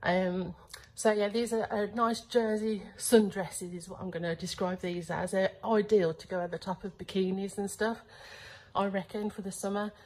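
A woman's voice: mid-range voice, steady tone, normal speed, poor audio. A middle-aged woman chatting casually to camera as an online reseller, rambling along with many fillers. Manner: talks quietly inside the unit. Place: storage unit.

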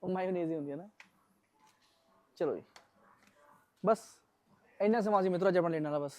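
Male vlogger, Punjabi accent, higher-pitched voice, rapid chatty delivery to camera. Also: dark tone. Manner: chatty, addresses viewers as friends. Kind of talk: casual vlog narration to viewers.

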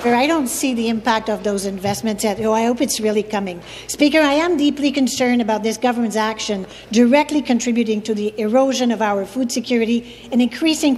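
A woman's voice: fairly high pitch, darkish tone. An older woman reading out a prepared question as a member of parliament. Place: large legislative chamber. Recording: echoey legislative chamber.

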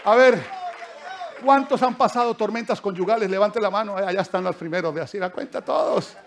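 With some chatter audible behind him, a pastor preaches a church sermon in a high, gravelly voice at a slightly fast pace. He swings between loud exclamations and soft asides, speaking directly to his listeners as brothers.

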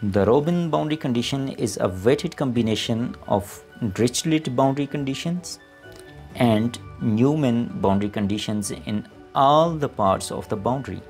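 Male lecturer, gravelly voice, scripted lesson read in short dictated phrases, music behind. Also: medium pitch, darkish tone. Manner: deliberate, reading aloud in short phrases as if dictating. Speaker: maths lecturer.

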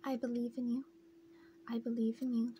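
A young adult woman giving a soft, soothing, repetitive whispered ASMR pep talk, close to the mic. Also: on the high side, little pitch movement, moderate pace. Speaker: ASMR creator. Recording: clearly noisy, humming close-up recording.

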